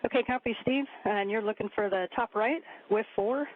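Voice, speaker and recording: A man's voice: sits high, normal speed. A man at mission control giving clipped, procedural instructions over a crackly radio link like a spaceship communicator. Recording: tinny radio line with faint hiss.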